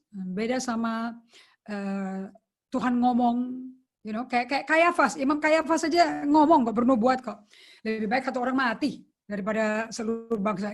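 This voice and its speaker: A woman pastor teaching a sermon over a video call, chatting casually and slipping English phrases into her talk. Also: sits high.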